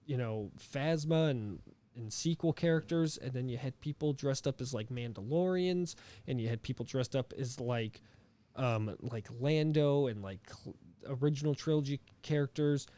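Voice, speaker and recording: A man's voice: mid-range voice, moderate pace, mellow. A young man co-hosting a podcast in casual chat, rambling with lots of fillers and restarts. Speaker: podcast co-host.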